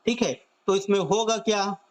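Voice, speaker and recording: A man's voice: high voice, moderate pace. A man teaching an online exam-prep class on current affairs, drilling students with repeated questions and stretching out key phrases.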